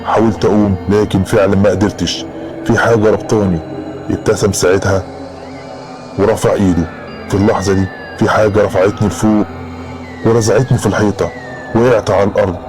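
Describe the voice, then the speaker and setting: A man's voice: lowish voice, steady tone, fast, long pauses, over music. A man with an Egyptian Arabic accent narrating a horror story in the first person, in a dramatic storytelling style.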